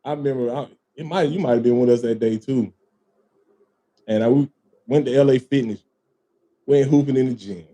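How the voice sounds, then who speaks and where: A man's voice: medium pitch, normal speed, pauses often, mellow. A man hosting a casual podcast, telling a long story with lots of swearing, laughter and "man" and "bro" thrown in. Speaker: podcast host.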